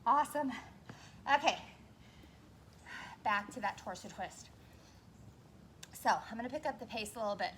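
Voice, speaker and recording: A woman leading a workout while exercising along, somewhat breathless, giving short form cues and steady encouragement. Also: on the high side, moderate pace, long pauses, slight background noise. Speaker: fitness instructor leading a workout. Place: indoors on carpet.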